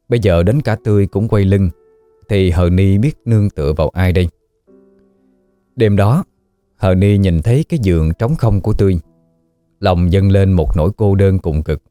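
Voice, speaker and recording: A man narrating a ghost story audiobook in a slow, somber storytelling manner. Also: sits low, warm tone, no echo, soft background music.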